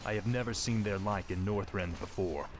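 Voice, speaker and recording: A man plays a devoted but wary undead cultist in a video game. The voice is low, set among loud game noise. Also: normal speed, lightly acted. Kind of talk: video game dialogue acting.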